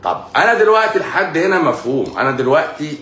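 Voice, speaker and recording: A man's voice: a little high, sing-song, fast talker, a bit bright. Egyptian man lecturing in an echoey room. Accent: Egyptian Arabic. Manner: repeats key words as questions. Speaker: doctor. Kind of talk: live-stream medical lecture. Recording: echoey room, faint music.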